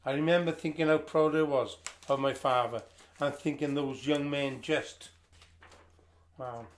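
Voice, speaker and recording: A man's voice: on the high side, steady tone, a little slow, slight background noise. Older man reading a family memoir. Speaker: family history reader.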